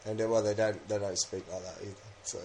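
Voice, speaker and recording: A man's voice: lowish voice, fairly even intonation, fast, a little mellow, slight background noise. A man from England co-hosting a podcast in casual, rambling, jokey chat. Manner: jokey, rambling, with many fillers. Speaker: podcast co-host.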